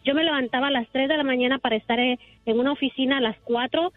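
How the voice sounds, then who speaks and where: A woman's voice: high voice, fast, no room sound. A woman from El Salvador, a salon owner calling in to a radio show and talking earnestly and at length about her life. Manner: earnest, talkative, emotional storytelling. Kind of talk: casual phone-in chat. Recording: tinny phone line.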